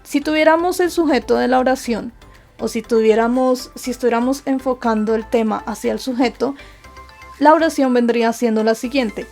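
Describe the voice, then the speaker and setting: A woman teacher with a high voice and a gravelly edge explains grammar step by step. She poses questions to her students and answers them herself. Soft music plays faintly behind her. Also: normal speed. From Colombia. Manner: patient, asks rhetorical questions and answers them. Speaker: Japanese teacher. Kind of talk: explaining grammar lesson over slides.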